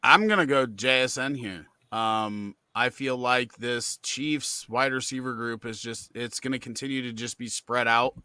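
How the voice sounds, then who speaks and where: Easygoing male co-host, very bright tone, dead-dry close-mic sound. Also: medium pitch, measured pace, few pauses, smooth, no echo. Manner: relaxed, easygoing, with fillers. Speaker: podcast co-host reading viewer questions. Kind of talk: casual live Q&A chat.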